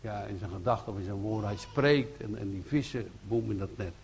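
A man's voice: lowish voice, fairly quick, vocal fry, dull audio, a little hiss or hum. A man with a Dutch accent preaching a sermon as an evangelist, earnest, with many restarts and emphatic bursts.

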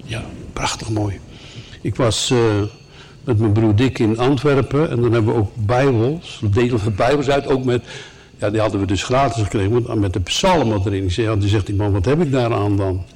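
A man's voice: lowish voice, normal speed, a little mellow, husky. A man preaching a sermon to his congregation in an earnest, emphatic way, with asides to the listeners.

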